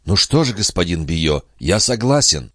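A man reading a young, naive peasant lad in an audiobook, earnest and excitable, always polite and always hungry. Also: low voice, normal speed, no room sound, studio quality, full character voice. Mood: eager.

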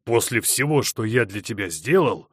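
A man's voice: medium pitch, animated, moderate pace, fairly bright tone, slightly rough, dry recording, studio quality. A man voicing an irritable middle-aged businessman, curt and grumbling, in an audiobook.

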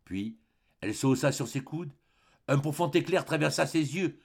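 A man reading a classic novel aloud as an audiobook, with expressive, theatrical phrasing. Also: fairly high pitch, normal speed, vocal fry, breathy edge. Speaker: audiobook reader. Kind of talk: dramatic audiobook narration.

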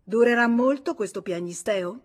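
A woman's voice: medium pitch, expressive, normal speed, a little mellow, breathy edge. A woman voicing a cold, callous young man who answers curtly and with contempt, in a radio audiobook reading. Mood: cold, contemptuous. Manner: curt, contemptuous.

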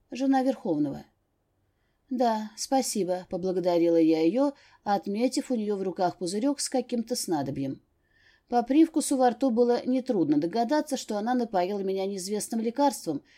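A woman reads a fantasy novel aloud in the first person. Her delivery is measured and expressive, with a mellow, warm timbre at a middle pitch. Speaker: audiobook narrator.

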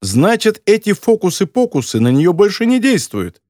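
A man's voice: high voice, wildly swooping pitch, normal speed, mellow, dry recording, studio quality, voice pushed up. A man playing a sneering, scornful editor. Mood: mocking. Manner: mocking, scolding. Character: sarcastic, harsh male newspaper editor.

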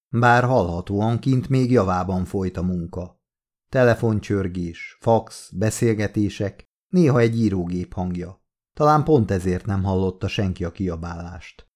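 Low-voiced male audiobook narrator. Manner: calm, measured reading with slow pauses at key moments.

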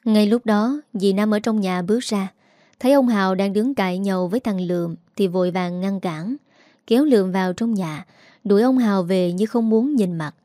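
A woman with a Southern Vietnamese accent calmly narrating a story. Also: mid-range voice, no room sound, clean studio sound. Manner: calm, measured storytelling. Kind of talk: scripted narration.

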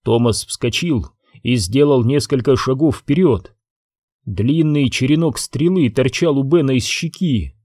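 A man narrates an audiobook at an unhurried pace, his voice dark and mellow. His delivery is measured but lively in pitch, recorded close and dry. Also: no room sound.

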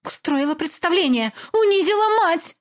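Lady doing a mad shrill mom in an audiobook, high and loud, yelling accusations. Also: lively intonation, normal speed. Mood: furious. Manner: screaming, sarcastic, accusing. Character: furious middle-aged mother, shrill and venomous. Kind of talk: audiobook character voice.

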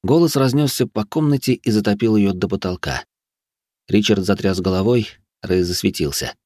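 A man's voice: on the low side, normal speed, a little mellow, no room sound. Man narrating an audiobook, dry sound. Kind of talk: scripted narration.

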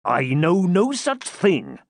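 A man voicing a brawling, boastful burly friar, speaking bluff archaic English in a raised, drawn-out voice. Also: high voice, huge pitch swings, vocal fry, dry recording, studio quality, pitched above the performer's own voice, exaggerated voice. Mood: blustering. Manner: bluff, blustering archaic speech.

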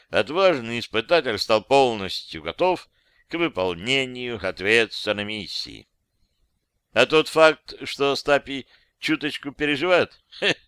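Bright, crisp male audiobook narrator. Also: medium pitch, no echo. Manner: playful, expressive storytelling. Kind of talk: scripted narration.

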